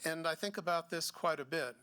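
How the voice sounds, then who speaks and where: A middle-aged man, a gallery owner giving a seminar talk, speaking haltingly with many restarts and fillers. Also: fairly high pitch, pushed and bright, clear, resonant tone. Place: museum seminar room.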